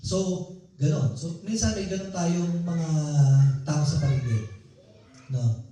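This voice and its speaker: A man's voice: fairly high pitch, expressive, slow, mellow. A man preaching a sermon in a personal, conversational storytelling way, heard in a church hall. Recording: very echoey hall, voice from far off.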